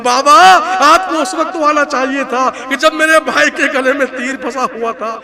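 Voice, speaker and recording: A man voicing a grieving noblewoman in lament. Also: very high-pitched. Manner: lamenting, pleading questions. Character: grieving noblewoman crying out to her dead parents. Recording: crowd noise behind.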